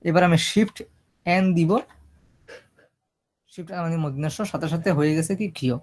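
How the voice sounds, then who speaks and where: A man with a fairly high voice runs a step-by-step typing lesson over a screen recording. He explains patiently, often pausing to check that his listeners are keeping up. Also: a little mellow. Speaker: computer typing instructor.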